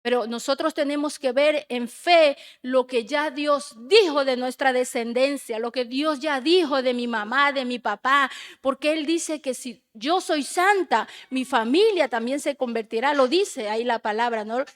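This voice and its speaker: A woman's voice: high-pitched, measured pace. A middle-aged woman giving a fervent, emotional religious testimony in a small church, speaking like a preacher.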